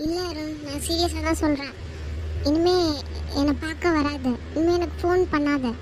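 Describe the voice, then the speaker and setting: A high, light voice of a young woman in a homemade cartoon, cold and firm as she ends things, played by a performer. She speaks curtly and decisively, with a faint hiss in the background. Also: fairly even intonation, normal speed, natural voice, rough recording. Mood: sad. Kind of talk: amateur cartoon voice acting.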